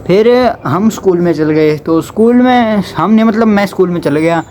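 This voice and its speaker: A man's voice: high voice, moderate pace, darkish tone, slight background noise. A young man telling a casual storytime about his school days, chatty and slipping into dialect. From Haryana, India. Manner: chatty, slips into dialect when quoting others.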